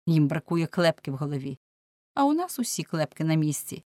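A woman's voice: low voice, big pitch swings, brisk, warm tone, no room sound, studio quality. A woman voicing haggard, bony older women who grumble sourly. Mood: grumbling. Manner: grumbling, sour.

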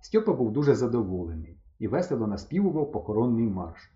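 A man reading a humorous story aloud in the first person, with lively, mock-dramatic narration. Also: medium pitch, fast. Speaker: audiobook narrator. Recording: dull lo-fi recording.

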